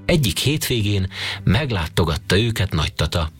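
Expressive male storybook narrator. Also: low voice, breathy edge, faint music behind. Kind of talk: storybook reading.

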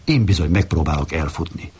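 A man voicing a timid, fearful male lion in a read-aloud fable, husky and pleading. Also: rumbling low, animated, darkish tone, heavily acted. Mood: anxious. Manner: pleading, anxious.

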